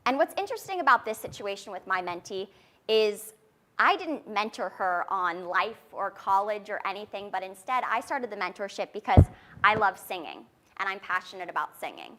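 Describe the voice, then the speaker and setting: A young woman giving a confident startup pitch as a founder, explaining things earnestly in a presentation style. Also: expressive, moderate pace, sharp tone, a little hiss or hum.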